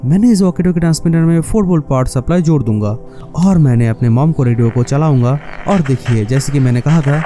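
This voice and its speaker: With faint music behind him, a man narrates a scripted DIY electronics tutorial in a mellow, somewhat high voice at a fairly quick pace. Explaining each step, he speaks straight to viewers with rhetorical questions and slips in English phrases.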